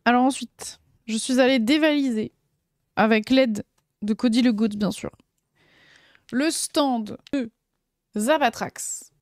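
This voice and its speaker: A woman's voice: fairly high pitch, slow, long pauses, darkish tone, dry recording, clean studio sound. A young woman, chatting casually on a live stream and gushing over her convention finds with lots of fillers. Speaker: streamer showing convention purchases.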